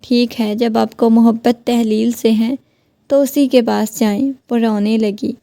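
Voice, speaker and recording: Heartbroken young wife, pleading over n over, woman reading her part, mellow voice. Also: on the high side, flat delivery, dry recording, studio quality, natural voice. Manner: pleading, questioning.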